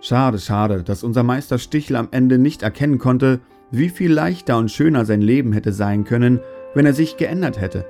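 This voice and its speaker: A man narrating a fairy tale in a calm, even storytelling manner. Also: mid-range voice, normal speed, hardly any pauses, faint music behind.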